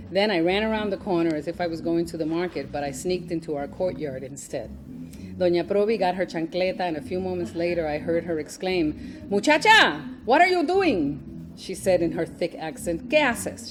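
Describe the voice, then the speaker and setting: Low-voiced woman reading her memoir. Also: background noise. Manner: animated, chuckling storyteller with asides. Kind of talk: memoir reading at a live event.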